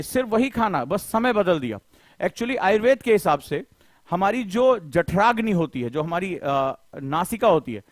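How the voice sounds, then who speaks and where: A man's voice: high-pitched, no room sound. A man coaching exam students in a live lecture, speaking emphatically and firing rhetorical questions at them. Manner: switches between formal and familiar address. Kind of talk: live motivational study lecture.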